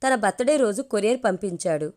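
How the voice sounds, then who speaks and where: Woman storyteller reading an audio story, even and steady, middle pitch. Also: a little fast.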